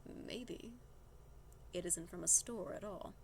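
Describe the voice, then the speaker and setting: A woman's voice: lowish voice, takes it slowly, creaky, darkish tone, a little hiss or hum. Woman doing a shy, cocky nerdy teen boy. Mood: confident.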